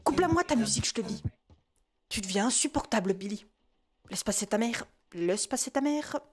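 A woman's voice: fairly high pitch, expressive, a little fast, faint music behind, natural voice. A woman playing an exasperated mother who scolds her unruly little son in a comic game role-play, full of tag questions and mild swearing. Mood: exasperated, scolding. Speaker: gaming video creator.

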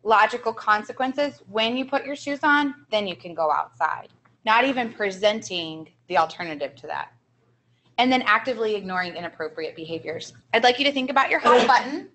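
Bright-voiced woman co-presenting a seminar. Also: on the high side, lively intonation, fairly quick, rough recording. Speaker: early childhood trainer.

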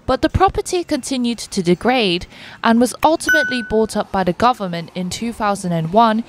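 A young woman giving a scripted, even voice-over for her travel vlog. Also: fairly high pitch, brisk, background noise. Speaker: travel vlogger.

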